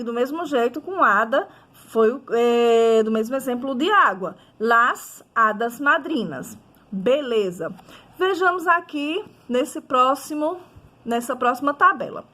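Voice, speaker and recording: Brazilian woman as a language teacher, high voice, slow and methodical, keeps checking in with her class. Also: a bit bright. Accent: Brazilian Portuguese. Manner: methodical, asks and answers own questions; checks in with listeners often. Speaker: Spanish teacher. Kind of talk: recorded grammar lesson.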